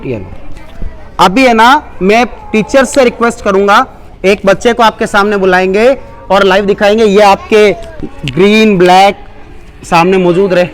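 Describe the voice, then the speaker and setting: A man's voice: high-pitched, fairly even intonation, moderate pace. A man giving a live demonstration speech at a school seminar, coaxing the children and mixing in English phrases. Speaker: seminar presenter.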